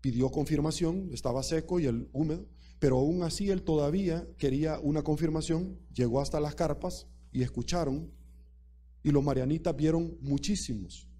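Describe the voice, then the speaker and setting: A man's voice: a little high, normal speed, mellow. A man preaching a sermon, speaking emphatically and repeating key phrases while addressing the congregation directly.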